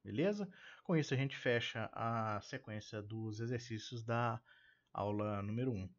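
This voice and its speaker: A man with a Brazilian Portuguese accent teaching a recorded flight school lesson, repeating words and loudly stressing syllables to drill pronunciation. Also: on the low side, unhurried, dull audio, slight background noise. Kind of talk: recorded lesson correcting exercises.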